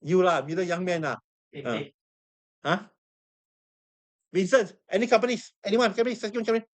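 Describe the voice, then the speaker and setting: A trading instructor with a Singaporean English accent teaches a live class, speaking a little fast in a high-pitched voice with lively intonation. He's hoarse from losing his voice, repeats himself often and fires questions at the room.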